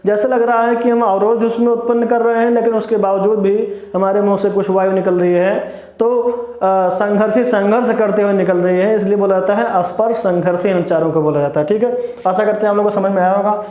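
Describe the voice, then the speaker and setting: A man with a light, high voice teaches grammar to students in a classroom style. He goes step by step, repeats himself and keeps checking that they follow. The sound rings off the walls of an echoey room. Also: fairly even intonation, fairly quick, dark tone. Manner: repetitive, explains step by step, frequent "ठीक है ना" check-ins.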